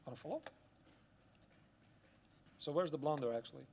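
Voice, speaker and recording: A man's voice: on the high side, moderate pace, gravelly, darkish tone, a little hiss or hum. A man hosting live chess commentary, analysing casually and exclaiming expressively as he follows the moves.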